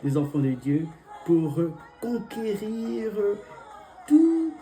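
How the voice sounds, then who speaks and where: A young pastor's high, mellow voice swoops wildly in pitch as he prays and reads scripture in a church, soft music behind him. French is his second language, spoken with an English-speaking accent, and his delivery is halting, with many fillers and repeated invocations.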